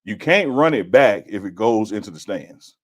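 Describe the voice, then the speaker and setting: A man co-hosting a sports stream who breaks down coaching moves in a measured, step-by-step way. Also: lowish voice, expressive. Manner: measured, explains points step by step. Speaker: co-host and analyst. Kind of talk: sports analysis chat.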